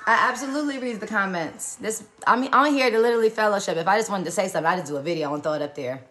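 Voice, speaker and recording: A woman's voice: medium pitch, rapid-fire, a bit bright, faint music behind. Woman doing a morning live stream, upbeat and chatty, preaching a little encouragement, greeting folks by city. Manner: upbeat, colloquial, greets viewers by place.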